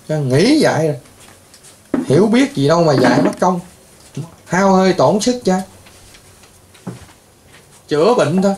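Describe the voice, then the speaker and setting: A male priest with a high-pitched voice. He rambles, scolds and lectures his listeners, often breaking into exclamations. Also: a little mellow, a little hiss or hum. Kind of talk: scolding talk to patients.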